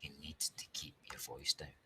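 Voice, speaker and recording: A Scottish man voicing Ellie, an anxious, protective young girl in a storybook reading, with a raspy voice pushed up high. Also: expressive, normal speed, heavy background noise, close to an everyday voice. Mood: soothing.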